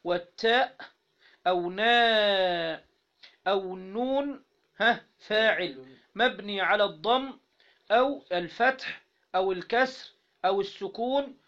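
The recording is dull and lo-fi, featuring a man with a high, slightly bright voice and an Egyptian Arabic accent. He is teaching Arabic grammar, repeatedly questioning the students and slowly spelling out each syllable.

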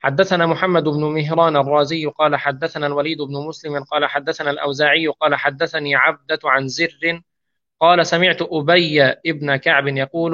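A man reading hadith narrations aloud in a steady, measured recitation, sometimes restarting a word. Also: a little high, lo-fi sound.

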